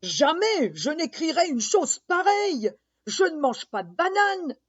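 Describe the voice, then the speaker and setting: A woman voicing a proud, frustrated male lion who bursts out in loud indignant refusals. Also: very high-pitched, big pitch swings, unhurried, no echo, voice pushed up, heavily acted. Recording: dull lo-fi sound.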